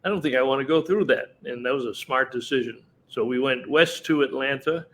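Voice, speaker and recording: A man's voice: mid-range voice, brisk. A man co-hosting a casual talk show, chatty and fond of wisecracks. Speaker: co-host. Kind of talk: casual chat. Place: on the road while traveling.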